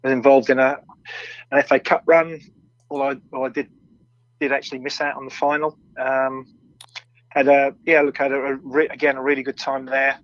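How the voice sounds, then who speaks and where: A man's voice: medium pitch, level tone, a little fast, long pauses, no room sound. A middle-aged man reminisces in a casual interview with little rise and fall in his voice. He is hesitant, repeating words as he goes. The sound is dry and slightly dull, like a lo-fi internet call. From born in Swansea, brought up around Reading, England. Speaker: former professional footballer, interview guest. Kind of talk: recalling career in casual interview. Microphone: audio-only online call.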